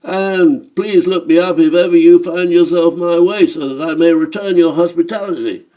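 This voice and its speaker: A man's voice: on the high side, fairly even intonation, moderate pace, dark tone, lo-fi sound, pitched above the performer's own voice, close to an everyday voice. Man putting on a sly boastful swindler. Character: boastful middle-aged male German swindler. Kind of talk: audiobook storytelling.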